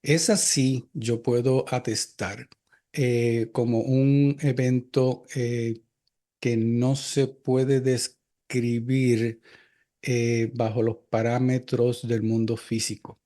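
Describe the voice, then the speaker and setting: An older man, a guest in an interview, recounting personal experiences in a reflective, hesitant way with frequent filler pauses. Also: mid-range voice, level tone, mellow.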